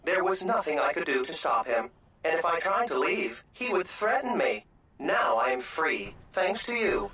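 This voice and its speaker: A man's voice: a little high, sing-song, normal speed, sharp tone, husky, full character voice. An actor voicing a prim, courteous male service droid who talks in a formal, fussy way, heard as game audio. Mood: relieved.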